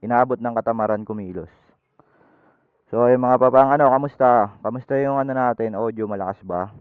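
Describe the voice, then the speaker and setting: A man speaks briskly in a medium-pitched, clean voice on a dry recording, captured through a helmet intercom headset whose audio is dull and lo-fi. He's a motovlogger riding outdoors, loosely chatting his way through a casual how-to vlog with lots of fillers and rambling.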